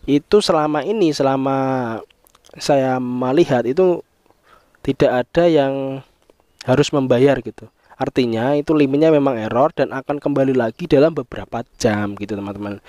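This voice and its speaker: A man's voice: medium pitch, normal speed, dark tone, no room sound. A man casually explaining things to his viewers in a vlog, talking them through it as friends and trailing off with easy filler words. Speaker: vlogger explaining app credit errors.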